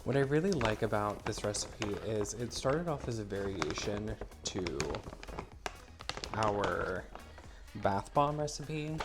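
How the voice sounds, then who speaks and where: This maker speaks slowly in a lowish, expressive voice over music, showing off his product in a relaxed how-to. A lingering cold leaves him stuffy and slightly wheezy. Still, he stays upbeat, narrating every step of the hands-on demonstration as he goes.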